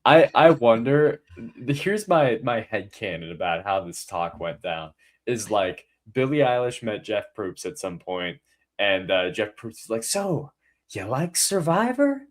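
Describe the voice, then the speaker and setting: A man's voice: fairly low pitch, lively intonation, measured pace. A man hosting a podcast, chatting casually and playfully with joking asides. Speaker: podcast host.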